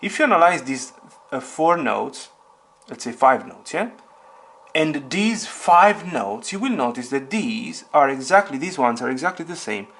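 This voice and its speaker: A man's voice: a little high, lively intonation, creaky, fairly bright tone. Patient male piano teacher explaining. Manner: patient, explains slowly and repeats key points; names notes and fingerings aloud. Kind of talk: step-by-step piano tutorial.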